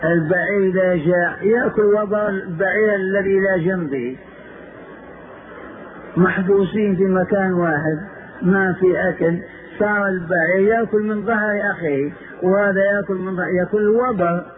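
Male preacher, high-pitched, teaching sacred history; emphatic repeats and rhetorical questions; narrow phone-line sound. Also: normal speed, a little hiss or hum. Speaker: Islamic scholar and preacher. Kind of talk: religious lesson retelling prophetic history. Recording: tinny phone-like old lecture tape.

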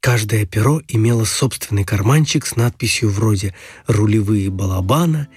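A man narrating a story in a steady storytelling manner. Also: fairly low pitch, slightly rough. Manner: steady storytelling, brisk past-tense narration.

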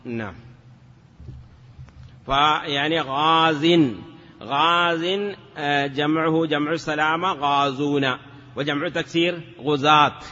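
A man's voice: on the high side, slow pace, pauses often, pushed and bright. A man teaching Arabic morphology in a lesson, chanting word forms and asking rhetorical questions. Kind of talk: classroom lesson. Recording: dull lo-fi sound with long reverb.

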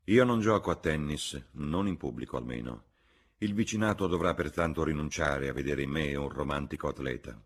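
A man reading an audiobook, voicing a haughty, aloof young gentleman in a measured, husky voice. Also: very deep voice, exaggerated voice.

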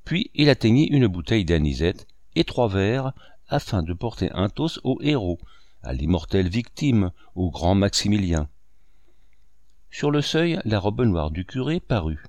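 A man narrating a classic novel in a measured, expressive reading. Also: lowish voice, no echo. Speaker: audiobook narrator.

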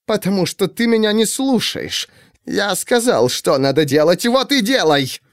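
A man's voice: on the high side, wildly swooping pitch, measured pace, darkish tone, no echo, studio quality, exaggerated voice. A man voicing a furtive middle-aged husband who mumbles evasively and turns harsh.

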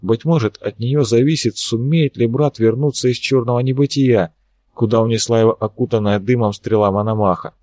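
A man reading an audiobook, narrating in an even, measured way. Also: medium pitch, no echo. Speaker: audiobook reader.

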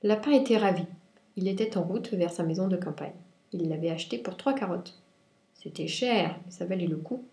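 A woman reviewing and reading a children's picture book aloud in clear, expressive storytelling. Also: on the low side, moderate pace, a little hiss or hum. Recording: roomy echo.

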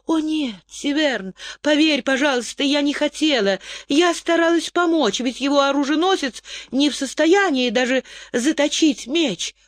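A man reading an audiobook voices a frightened young noblewoman disguised as a boy, pleading in a high, urgent voice. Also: measured pace, fairly bright tone, no echo, clean studio sound.

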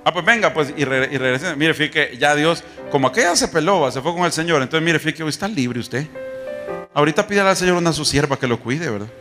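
A man's voice: on the high side, animated, fast talker, music in the background. A man preaching a sermon, telling folksy stories and acting out conversations with rhetorical questions. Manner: folksy storytelling, acts out dialogue, rhetorical questions. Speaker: apostle preaching.

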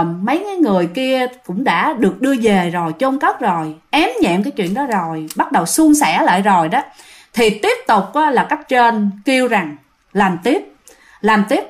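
Speaking directly to her audience in a chatty manner, this Southern Vietnamese–accented woman recounts a ghost story. Her fairly high voice has a sing-song lilt at a moderate pace.

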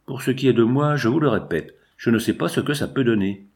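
A man's voice: mid-range voice, darkish tone, natural voice. Man reading as a cold, calculating strike leader. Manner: measured, cool and persuasive. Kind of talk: audiobook reading.

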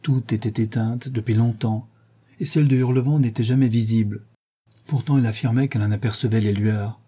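A man reading a novel aloud in measured, even storytelling narration. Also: mid-range voice, slightly rough. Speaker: audiobook reader.

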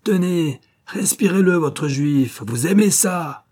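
A man's voice: medium pitch, fairly quick, mellow, natural voice. A man voicing a cruel, sneering German SS lieutenant who barks and mocks, dropping German exclamations. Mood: gloating. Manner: barking, mocking, with German exclamations.

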